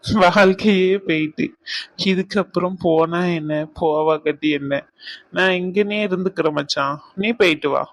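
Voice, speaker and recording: A man voicing a heartbroken, bitter young man in an animated comedy. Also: high voice, unhurried, no echo. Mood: despairing. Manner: despairing, bitter.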